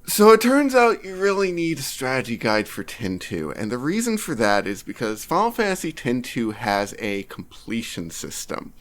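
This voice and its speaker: A male podcast co-host talks casually about games, swapping anecdotes in a wry, self-mocking way. His medium-pitched voice swoops wildly in pitch at a normal speed, with few pauses.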